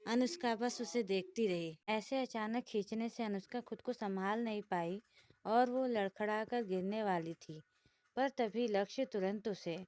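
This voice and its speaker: A woman narrating a romantic story as a storyteller in a steady, even way. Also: mid-range voice. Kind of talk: scripted narration.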